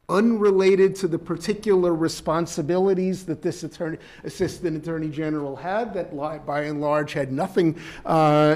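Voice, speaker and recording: A man giving an academic law lecture in a measured, deliberate way, with frequent ums and uhs. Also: a little high, darkish tone. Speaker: law professor. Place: lecture hall.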